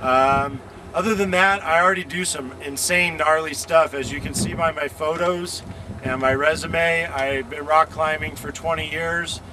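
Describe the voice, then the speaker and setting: Interviewed outdoors next to a motorcycle, an extreme sports athlete from California's Lake Tahoe area chats casually, rambling along in a laid-back way thick with surfer slang and fillers. His voice sits fairly high, with a steady, unhurried tone. Traffic makes the outdoor recording noisy.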